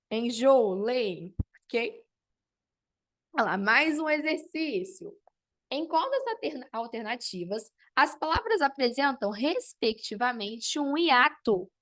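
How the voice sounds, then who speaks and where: A woman's voice: a little high, very animated, takes it slowly. A woman teacher, teaching an online class and explaining step by step while checking in with her students.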